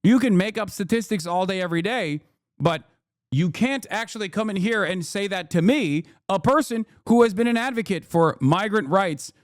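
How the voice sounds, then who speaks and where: A man's voice: sits high, expressive, normal speed, dry recording, studio quality. Blunt, profane man ranting on stream. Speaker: streamer reacting to clips. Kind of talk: heated live-stream commentary.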